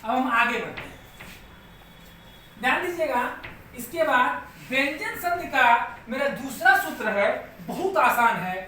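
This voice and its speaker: Echoey far-off male teacher, bright tone. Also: very high voice, big pitch swings, measured pace. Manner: patient, repeats steps, keeps checking students follow. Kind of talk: live online grammar class. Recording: very echoey room, voice far from mic, faint background noise.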